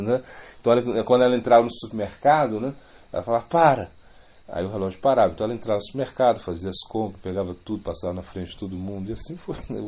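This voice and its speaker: A man's voice: mid-range voice, mellow. A man giving an informal religious lecture, rambling, repeating words and adding many questioning asides. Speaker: spiritual teacher.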